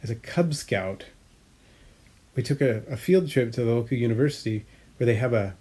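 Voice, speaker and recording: A man's voice: mid-range voice, animated, moderate pace, mellow, breathy edge. A man casually chatting about his fish tanks, rambling a little and correcting himself as he explains. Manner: rambling, self-correcting, frequent fillers; explanatory, hobbyist detail. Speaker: aquarium hobbyist vlogger. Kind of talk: casual chat.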